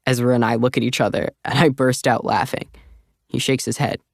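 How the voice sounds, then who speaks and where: A man's voice: mid-range voice, little pitch movement, a little fast, vocal fry, dry recording. A man narrating an audiobook in first person, with a casual, wry, confiding manner, on a close studio mic.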